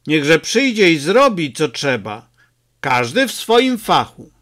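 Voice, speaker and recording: A man voicing a gruff, hot-tempered village mayor who shouts and blusters in a storybook reading. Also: on the high side, big pitch swings, slow pace, heavily acted. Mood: angry.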